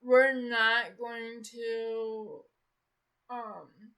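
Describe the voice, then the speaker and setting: Slow, rambling woman vlogger. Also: on the high side, steady tone, pushed and bright, clear, resonant tone. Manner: rambling, full of "like" and restarts. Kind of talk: casual rambling vlog chat.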